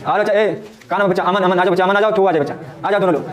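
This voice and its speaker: A male teacher, quizzing pupils and hushing a noisy classroom. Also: high-pitched, steady tone, racing, a crowd in the background. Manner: quizzing pupils with call-and-response questions. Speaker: coaching teacher. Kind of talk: classroom lecture. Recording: echoey classroom with chattering kids.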